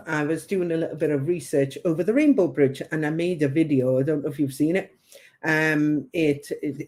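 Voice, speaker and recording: A woman's voice: low voice, warm tone. A woman with a light northern English accent with a touch of Geordie, hosting a psychic reading live stream in a chatty, rambling way and laughing often. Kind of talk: casual live-stream chat.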